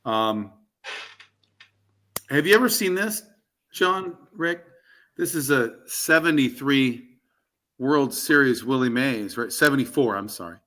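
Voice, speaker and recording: A man co-hosting a laid-back round-table chat. His tone is bright and forward. He rambles, fills gaps with ums, and wanders into asides. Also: medium pitch, animated, slow, long pauses. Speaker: co-host of a collecting round table. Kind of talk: casual chat.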